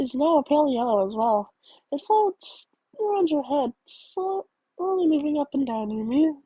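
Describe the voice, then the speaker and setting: A woman's voice: sits high, mellow, no echo, rough recording. A woman narrating a reader-insert fan story aloud, reading in second person with small stumbles and self-corrections.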